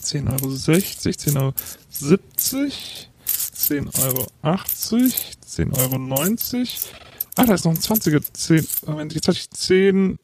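A man playing a fussy customer who counts coins out loud and keeps losing track. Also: fairly high pitch, very animated, a little slow, slight background noise.

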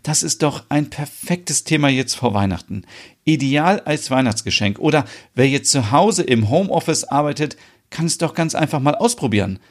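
At normal speed, a male reader performs a fussy, excitable kitchen owner who is in charge, making her shrill, flustered and theatrical as he reads the story aloud.

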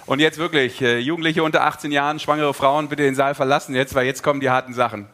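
A man's voice: mid-range voice, steady tone, quick pace, sharp tone. A man hosting a podcast in casual chat. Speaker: podcast host.

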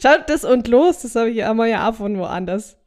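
A woman's voice: fairly high pitch, animated, normal speed, darkish tone. A woman in her thirties co-hosting a casual chat podcast, chatty and teasing, often laughing. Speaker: podcast co-host.

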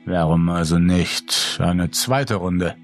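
A man voicing a cruel male intruder who taunts his captives in a slow, sneering way, with a husky voice. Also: deep voice, faint music behind. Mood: mocking.

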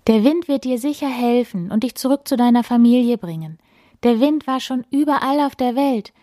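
Woman as a sweet helpful little girl in a storybook, raised bright voice, dry and close. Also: a little high, moderate pace, no room sound, voice pushed up, close to an everyday voice. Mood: encouraging. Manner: bright and reassuring. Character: kind cheerful young girl, comforting. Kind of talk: bedtime story voice.

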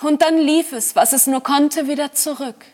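A woman reading a fairy tale aloud in a gentle, measured storytelling manner. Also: high voice. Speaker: reader.

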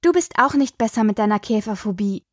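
A woman's voice: on the high side, expressive, dry recording, clean studio sound. A woman voicing a cheeky teenage girl. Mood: teasing. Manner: sarcastic, quick-tongued. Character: teasing, cheeky teenage daughter.

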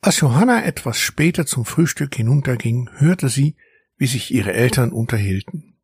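Man narrating a kids' story, gravelly, husky, dry close recording. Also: mid-range voice, normal speed, no echo. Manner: expressive, storytelling. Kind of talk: children's story reading.

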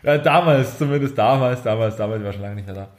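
A man's voice: mid-range voice, fast talker, darkish tone, reverberant. A man hosting a podcast, telling a long story in casual chat and rambling through restarts. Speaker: podcast host.

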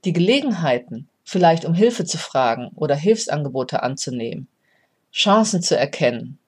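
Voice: medium pitch, sing-song, normal speed, husky. A podcast host talking about resilience in a reflective, explanatory way, addressing the listener directly. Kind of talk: motivational podcast monologue.

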